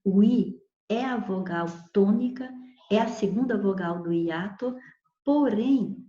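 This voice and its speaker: Taking it slowly, a woman with a dark, medium-pitched voice goes over spelling rules with patience, repeating her examples and asking "ok?" along the way. This recorded grammar lesson sounds echoey, dull and lo-fi.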